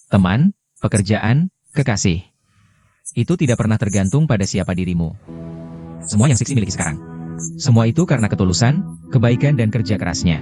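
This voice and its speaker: A man's voice: fairly low pitch, warm tone, breathy edge, dry recording. A man dubbing a TV drama role: a stern young man who talks firmly and coldly, lecturing the woman he confronts. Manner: cold, firm, lecturing. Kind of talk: Indonesian dub of a TV drama.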